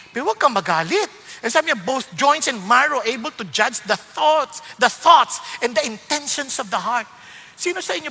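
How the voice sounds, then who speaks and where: Animated Filipino preacher in a reverberant hall. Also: male voice, very high-pitched, slightly rough. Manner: animated, mixes Tagalog and English, acts out complainers. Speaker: pastor. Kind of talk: sermon.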